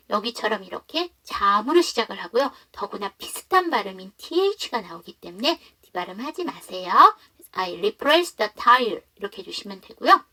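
A woman teaching an online English lesson who explains patiently and reads example sentences slowly. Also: fairly high pitch, sharp tone.

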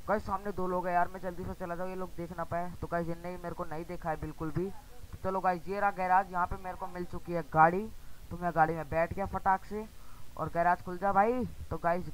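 Young guy doing excitable game commentary, keeps saying guys, talks right at viewers. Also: high voice, a little hiss or hum, rough recording. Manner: chatty, says "guys" constantly, excitable. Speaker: gaming YouTuber. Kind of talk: casual gameplay commentary.

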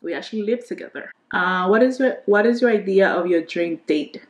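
Speaking fairly quickly at a medium pitch, this Dominican woman in her twenties answers camera questions from her bedroom at home. She is a beauty vlogger and native Spanish speaker with a Dominican accent, chatty and rambling, with trailing restarts and hand gestures, and the audio is reverberant.

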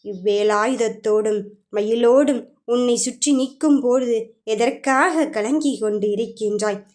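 A woman's voice: fairly high pitch, measured pace, a little mellow, lightly acted. A woman voicing the god Murugan as a loving father, giving a tender, consoling devotional message in the first person.

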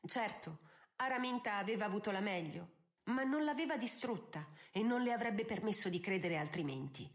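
A woman reading a novel aloud as an audiobook narrator, in measured, expressive scripted narration. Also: mid-range voice.

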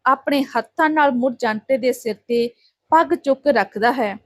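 A woman storyteller reads the narration in a plain way. Her voice sits high. The recording is close and dry. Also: normal speed, no room sound.

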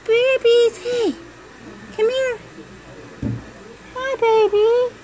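Woman, gentle coaxing baby talk, very high voice, slow. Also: steady tone, a little hiss or hum. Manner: soft, repetitive coaxing. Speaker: customer filming puppies in a pet store. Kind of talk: cooing baby talk to puppies. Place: indoor pet store. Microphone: handheld phone.

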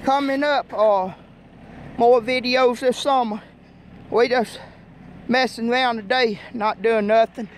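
A man's voice: very high voice, fairly even intonation, unhurried, long pauses. A young man with a folksy, rambling way of talking, filming a casual farm vlog on his phone in a field. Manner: rambling, folksy, loose grammar. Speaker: farm vlogger. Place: outdoors on a farm field beside a running tractor. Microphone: phone camera. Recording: outdoor phone audio with loud engine noise.

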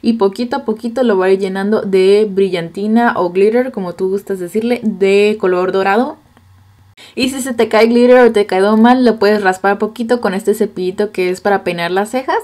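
A woman's voice: mid-range voice, fairly even intonation, normal speed, a little mellow. Makeup tutor, female, chatty and teasing, casual step-by-step delivery. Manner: chatty and playful, with teasing asides. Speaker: makeup artist.

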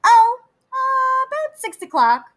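A woman voicing a scheming, hungry male wolf in a children's story, drawing out his threats slowly. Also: very high-pitched, very animated, a bit bright, pitched above the performer's own voice, full character voice. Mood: sly. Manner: slow drawn-out threats.

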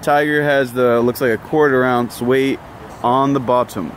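A young man hosting a fishing vlog outdoors by a pond, chatting and laughing, yelling when fish bite. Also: medium pitch, steady tone, unhurried, slight background noise. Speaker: fishing channel host. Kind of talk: excited outdoor vlog chat.

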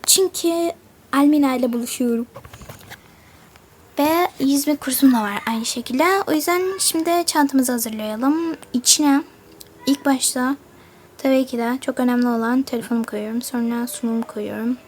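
A woman's voice: high voice, moderate pace, darkish tone, slight background noise. A woman narrating her own toy game role-play in a chatty way, talking to herself as she plays. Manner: chatty, talks to herself while playing.

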